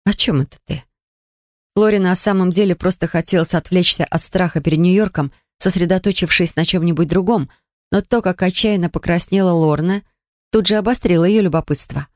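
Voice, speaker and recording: Low-voiced woman narrating a novel. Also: fairly quick, a little mellow, no room sound, studio quality. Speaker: audiobook narrator. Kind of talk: scripted narration.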